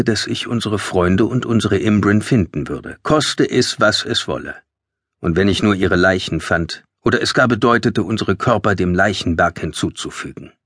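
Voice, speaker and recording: Male narrator, low husky voice, dry close studio sound, tense measured delivery. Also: fairly bright tone, no echo. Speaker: audiobook narrator. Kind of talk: scripted first-person audiobook narration. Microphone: close studio mic.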